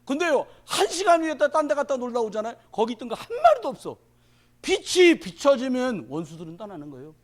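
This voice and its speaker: A man in his fifties preaching a sermon, swinging from loud declarations to muttered asides as he acts out little scenes. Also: very high-pitched, sing-song, brisk. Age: 50s. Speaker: pastor.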